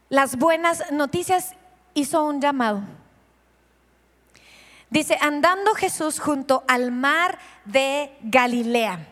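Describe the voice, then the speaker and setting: A woman pastor with a high-sitting voice preaches a sermon in a large hall. She is lively, putting questions to the congregation and acting out the scenes she describes.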